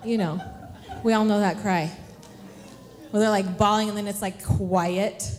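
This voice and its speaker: A woman in her thirties preaching a storytelling sermon, animated and acting out scenes with shrieks and laughs. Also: mid-range voice, a little slow. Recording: long reverb of a large hall.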